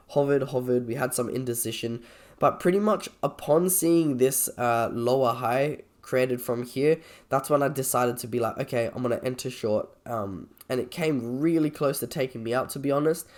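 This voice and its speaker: A man with a croaky, slightly sick voice, talking informally and a little hesitantly as he reviews trades on a screen recording. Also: mid-range voice. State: sick with a cold or cough. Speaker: trader presenting a video.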